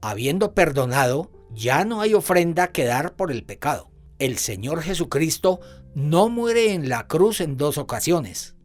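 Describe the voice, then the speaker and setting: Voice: mid-range voice, very animated, unhurried, faint music behind. Fervent interpreted sermon voice. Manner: fervent, emphatic preaching with repeated assurances.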